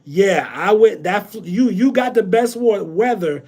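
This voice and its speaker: A man from New Jersey hosts a loose, casual livestream Q&A about real estate, speaking in slang, repeating himself, and using many ums. His voice is high, unhurried, and a little mellow.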